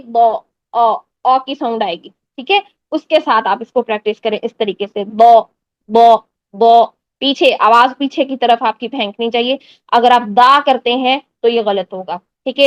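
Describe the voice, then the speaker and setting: High-pitched lady tutor repeating drill sounds over and over, dry slightly muffled mic. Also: no room sound. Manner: patient, repeats drill sounds, keeps checking with the listener. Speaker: Quran recitation teacher. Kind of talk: step-by-step pronunciation lesson.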